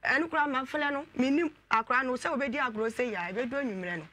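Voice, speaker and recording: A woman guest on a talk show, telling her story in a rapid, insistent way. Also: high voice, sharp tone, a little hiss or hum. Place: TV studio.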